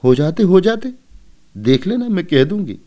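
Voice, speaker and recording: A man voicing a tearful, pleading little girl with a shrill, whiny voice in a storybook reading. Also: very animated, moderate pace, warm tone. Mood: tearful threatening.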